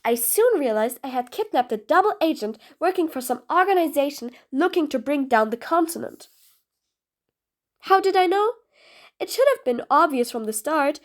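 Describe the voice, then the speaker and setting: A woman voicing a sarcastic, exasperated female supervillain in an audio role-play drama, taunting her prisoner with bossy nicknames. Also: high voice. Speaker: voice actress.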